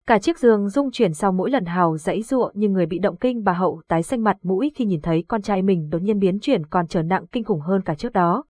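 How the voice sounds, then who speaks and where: A woman narrates a horror audiobook in a steady, measured storytelling manner. Her voice sits at an ordinary pitch. The recording is dry and close. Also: husky, dry recording.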